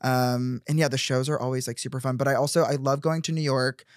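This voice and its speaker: A young man from the Chicago suburbs talks as a guest on a podcast. He speaks in an upbeat, chatty way at a middle pitch, with fillers along the way. His voice is close and dry on a studio mic. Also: little pitch movement, brisk, dry recording. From Chicago suburbs, USA. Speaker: guest musician. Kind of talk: casual chat. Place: small cozy studio set. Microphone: studio mic on boom arm.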